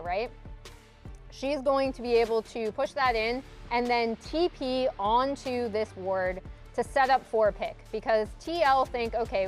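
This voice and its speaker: A woman walking viewers through a gameplay replay as an esports desk analyst. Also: fairly high pitch. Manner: explanatory, walks through replay.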